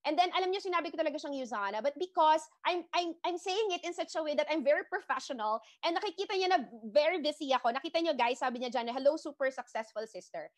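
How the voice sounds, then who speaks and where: A woman with a Filipino accent giving an animated online sales training, switching between English and Tagalog and often checking in with her listeners. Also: high-pitched, very fast, few pauses, dry recording. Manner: animated, mixing English and Tagalog, frequent rhetorical check-ins. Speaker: network marketing trainer.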